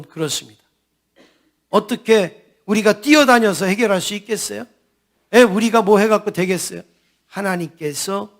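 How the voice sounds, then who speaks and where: As senior pastor, a man delivers a New Year sermon in a high, fairly bright voice. He tells a story, repeatedly turns to the congregation with "yes" and "everyone," and poses questions he answers himself.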